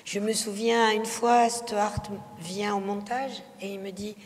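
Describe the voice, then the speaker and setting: A woman's voice: medium pitch, steady tone, slow, long reverb tail. A woman from France, a film director, giving reflective interview answers at a public talk. She hesitates often, with many fillers and restarts. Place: festival talk hall.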